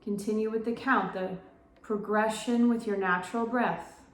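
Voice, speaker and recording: A woman guiding a slow breath-counting meditation, giving gentle, measured instructions in short phrases with pauses. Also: medium pitch, fairly even intonation. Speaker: meditation guide. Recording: roomy, echoing sound.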